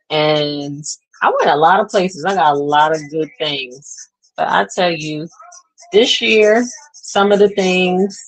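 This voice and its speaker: A woman in her thirties talks casually to her viewers in a low voice with a gravelly edge. She takes her time, rambling and pausing as she hunts for words. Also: rough recording. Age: 30s. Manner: chatty and rambling, trails off searching for words. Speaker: beauty vlogger. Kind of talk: casual chat to camera.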